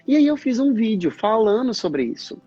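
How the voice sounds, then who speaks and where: A man, a speech therapist, explaining pronunciation in a casual live chat, in halting bursts. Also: high-pitched, big pitch swings, warm tone, husky, no echo. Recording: dull lo-fi stream audio, faint music.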